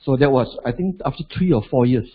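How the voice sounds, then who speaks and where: A man in his forties, a motivational business speaker with a Malaysian English accent, talks fast in a medium-pitched, slightly rough voice with lively intonation. His seminar delivery is chatty, full of rhetorical questions to the audience and the word "lah." The audio has phone-like quality.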